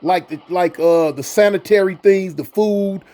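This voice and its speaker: High-pitched man hosting an interview. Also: unhurried, warm tone. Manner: emphatic, repeats answers back for stress. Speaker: interviewer, host. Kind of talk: casual live interview.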